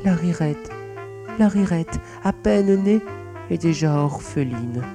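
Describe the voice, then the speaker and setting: A man's voice: fairly high pitch, animated, takes it slowly, music in the background, pitched above the performer's own voice. A man voicing a wailing, desperate mother mouse. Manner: wailing farewell cries.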